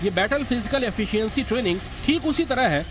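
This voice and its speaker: A man's voice: very high voice, animated, fairly quick. A man reading scripted documentary narration as the narrator. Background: music.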